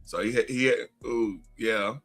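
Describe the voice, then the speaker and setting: Man, livestream co-host, bright forceful voice, halting, stops to hunt for sources, hiccupping. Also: mid-range voice, fairly even intonation, soft background music. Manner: halting, searching for things on screen mid-sentence. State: has hiccups. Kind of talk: casual chat, reading news stories.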